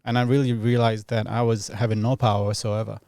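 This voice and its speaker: A man in his thirties from Iraq, talking as a podcast guest in a thoughtful, reflective way, pausing often and laughing easily. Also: lowish voice, flat delivery, gravelly, mellow, no echo, studio quality. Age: 30s. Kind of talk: casual reflective interview talk.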